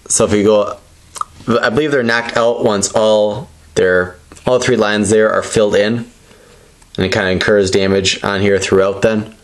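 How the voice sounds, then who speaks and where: Low-voiced man casually showing trading cards. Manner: rambling, tentative explaining. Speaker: presenter opening trading card packs. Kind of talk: casual unscripted show-and-tell commentary.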